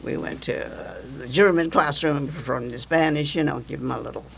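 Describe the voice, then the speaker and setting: An older Italian woman whose first language is Italian speaks in a gravelly, low-pitched voice at a brisk pace. A guest and events coordinator, she tells stories with lively energy and frequent chuckles in a casual interview chat.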